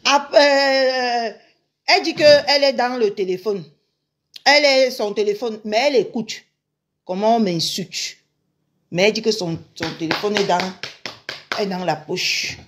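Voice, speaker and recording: A woman's voice: a little high, unhurried, long pauses, fairly bright tone. A woman on a live stream who emphatically explains a message to her viewers and asks whether they understand. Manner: emphatic, repeats questions to the audience.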